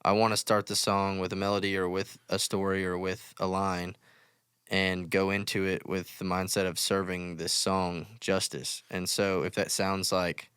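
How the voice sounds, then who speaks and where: A low-pitched man talks through his songwriting approach. His voice is very smooth and resonant, with a bright edge. He speaks casually and thoughtfully, in a dry, close recording. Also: flat delivery, normal speed, no echo. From West Texas. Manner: thoughtful, explains with many "like"s. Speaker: guest musician. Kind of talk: casual interview chat.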